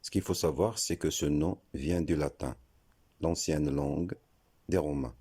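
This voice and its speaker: Very deep, slow-spoken man teaching French. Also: mellow, breathy edge. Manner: slow, deliberate, spells out letters. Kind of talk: scripted explanatory lesson.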